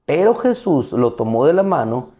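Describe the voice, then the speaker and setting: A man preaching a devotional sermon, slow and deliberate, repeating key phrases for emphasis. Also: on the high side, very animated, narrow, tinny audio. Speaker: pastor.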